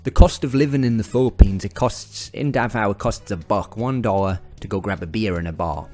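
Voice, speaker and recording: Northeast English man, casual sales-pitch vlog delivery, faint music underneath. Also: fairly quick, darkish tone. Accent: northern English, northeast England. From northeast England. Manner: chatty, upbeat, salesy, chuckling asides. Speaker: business owner giving advice. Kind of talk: casual direct-to-camera advice talk.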